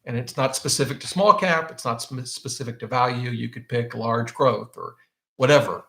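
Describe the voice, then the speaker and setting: Gravelly man answering viewer questions live. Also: mid-range voice, normal speed, bright, forceful tone, reverberant. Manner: conversational, thinks aloud with frequent restarts. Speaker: finance channel host answering viewer questions. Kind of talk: live Q&A, casual explanation.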